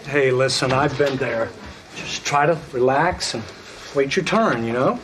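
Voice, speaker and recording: An actor playing a new father who is defensive, whiny, and quick to fret. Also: medium pitch, noisy background, close to an everyday voice. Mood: placating. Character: anxious, self-righteous young dad. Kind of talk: sitcom acting.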